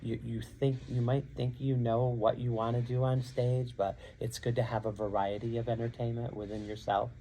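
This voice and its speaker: A man's voice: medium pitch, level tone, normal speed, hardly any pauses, warm tone, slight background noise, rough recording. A middle-aged man who works as a drag queen and show host, answering interview questions earnestly and repeating phrases for emphasis.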